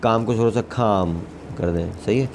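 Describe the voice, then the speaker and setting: A man's voice: on the low side, fast talker, creaky, a little mellow, a little hiss or hum. A man teaching English vocabulary, repeating each word several times before giving its meaning. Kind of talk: vocabulary lesson with repetition drills.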